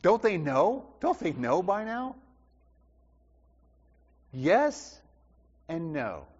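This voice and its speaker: A man preaching a sermon as pastor, impassioned and rhetorical, repeating phrases and dropping from loud declarations to hushed lines. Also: sits high, big pitch swings, very slow, slightly rough. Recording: dull sound with long church reverb.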